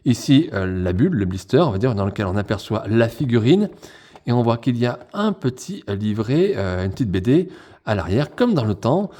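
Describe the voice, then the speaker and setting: A man's voice: medium pitch, big pitch swings, moderate pace, dark tone. A man hosting a toy unboxing in a casual, chatty way, talking straight to his viewers as friends.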